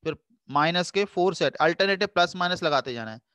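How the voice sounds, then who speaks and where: A man teaching a math revision lesson, patiently coaxing his students and slowing down to read formulas and questions aloud. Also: on the high side, lively intonation, pushed and bright, dry recording.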